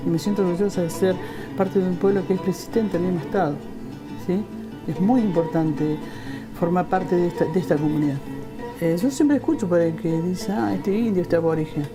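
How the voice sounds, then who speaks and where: Earnest woman speaking over guitar music. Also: on the low side. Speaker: interviewee. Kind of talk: testimony interview. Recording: music playing under the voice.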